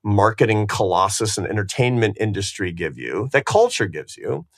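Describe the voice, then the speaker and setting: A man's voice: lowish voice, very animated, moderate pace. A man in his fifties co-hosting a podcast, talking in a candid, wry and emphatic way. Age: 50s. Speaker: podcast co-host. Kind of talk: conversational podcast interview.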